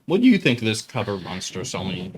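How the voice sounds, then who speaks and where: A young man running a tabletop game as its game master. His voice climbs and dips all over the place, and he slows right down for the dramatic bits. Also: lowish voice, noisy background. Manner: lively, drawn-out dramatic narration.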